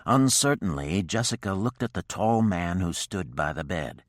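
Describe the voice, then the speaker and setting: A man narrating a historical romance audiobook in a steady, even storytelling manner. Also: sits low, normal speed, no room sound, studio quality.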